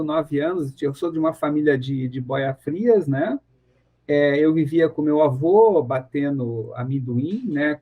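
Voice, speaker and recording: This Brazilian man, from the interior of São Paulo state, speaks as a professor interviewed on radio. His medium-pitched voice has a darkish tone and a breathy edge. He's thoughtful and conversational, often stopping to find words and repeating phrases.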